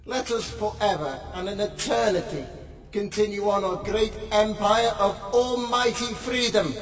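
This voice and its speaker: A man's voice: high voice, a little slow, reverberant, long reverb tail, recorded from a distance. A man voicing a pompous, bombastic tyrant leader who proclaims himself God, in a comedy audio sketch. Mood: grandiose.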